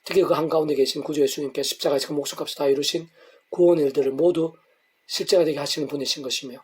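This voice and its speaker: A man's voice: fairly high pitch, fairly even intonation, quick pace, a little mellow, husky. A middle-aged man pastor reading a devotional sermon in long, flowing, earnest sentences.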